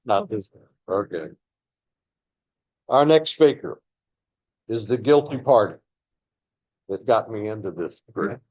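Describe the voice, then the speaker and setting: A man's voice: fairly low pitch, lively intonation, slow pace, pauses often, dull audio. A man hosting a meeting and introducing the next speakers in a brief, matter-of-fact way. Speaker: meeting host.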